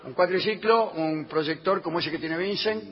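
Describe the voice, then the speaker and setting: A man's voice: on the high side, moderate pace, natural voice. A man playing a nervous, sweaty adult shopper who stammers and hesitates in a radio comedy sketch. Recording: dull radio sound with long reverb and noise.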